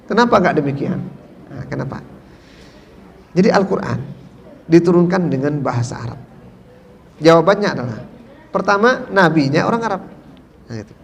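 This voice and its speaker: Minang-male preacher, lecture style, quizzes his audience, high pitch, echoing mosque hall. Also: lively intonation, normal speed, creaky, pauses often. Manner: questions the audience and answers himself, with many tag fillers. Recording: long hall reverb.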